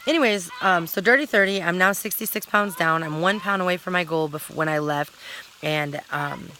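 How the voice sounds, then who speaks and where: Out at a campsite, a talkative woman in her thirties films a casual vlog, rambling on and self-correcting as she goes. Her voice sits on the low side yet sounds bright and forceful, at a normal speed. A faint outdoor hiss lingers in the background.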